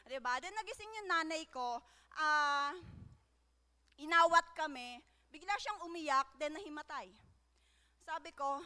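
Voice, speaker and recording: A young woman giving a personal church testimony, halting, with many fillers and tag questions. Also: very high-pitched, pushed and bright. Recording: long reverb of a large hall.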